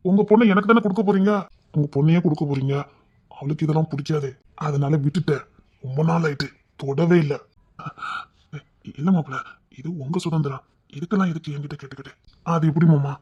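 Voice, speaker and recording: A young husband who jokes and teases his in-laws at a quick clip, as a man acts him out. He talks. The recording sounds dull and muffled. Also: on the high side, warm tone, husky. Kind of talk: audio drama acting.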